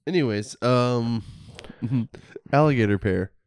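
A man's voice: medium pitch, slow pace, dry recording, studio quality. A young man hosting a podcast, reading slang terms aloud and laughing through crude banter. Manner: laughing, hesitant, reads out terms. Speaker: podcast host.

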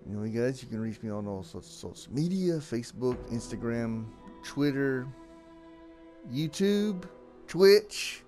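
A man's voice: medium pitch, fairly quick, few pauses, dark tone, soft background music. A man giving casual gameplay commentary as a channel host.

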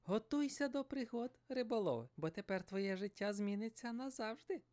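Storybook: kindly magic fish, female, put on by a male narrator, lilting high voice. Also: animated, moderate pace, darkish tone. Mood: gentle. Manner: kind, encouraging.

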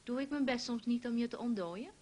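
A woman voicing a good-natured, unflappable husband who teases and coaxes in a brighter voice, reading a children's story. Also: fairly quick, a little hiss or hum, close to an everyday voice. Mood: cheerful. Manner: upbeat and coaxing, a bit louder and higher.

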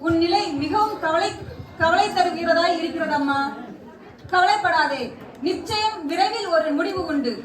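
A woman's voice: very high-pitched, unhurried, far from the mic. A woman playing a compassionate queen in a Tamil street-theatre play, speaking in formal, declaiming tones. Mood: regal. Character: stately compassionate queen touring her kingdom. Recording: roomy outdoor stage recording from afar. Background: music and crowd.

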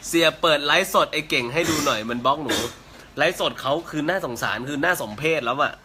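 A man talking to his phone on a live stream in a casual, profane rant. His voice is bright and sits a little above the usual pitch. A faint noise hangs in the background. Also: quick pace. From Thailand. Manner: crude, shouting insults with laughter.

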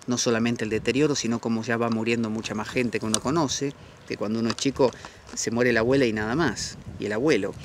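Guy musing out loud, lots of pauses and ehs, noisy outdoor recording. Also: mid-range voice. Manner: thoughtful, pausing, with frequent fillers and restarts. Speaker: host. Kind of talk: reflective spoken talk. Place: outdoors at a monastery retreat.

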